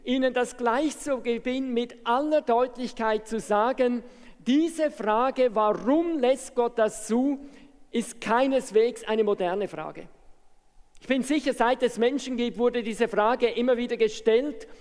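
Impassioned preacher in a reverberant hall. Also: male voice, very high-pitched, a little slow, a little mellow. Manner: impassioned, raises his voice. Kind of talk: evangelistic sermon.

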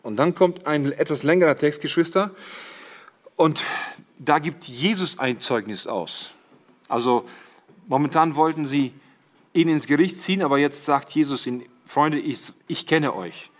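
Middle-aged male preacher, emphatic sermon delivery, slightly high voice. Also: a little slow. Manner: addresses congregation as siblings, quotes Jesus with emphasis.

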